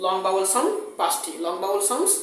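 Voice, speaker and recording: A woman's voice: medium pitch, big pitch swings, rapid-fire, heavy reverb, recorded from a distance, slight background noise, rough recording. A woman teaching English pronunciation in a classroom style, repeating example words and asking and answering her own questions.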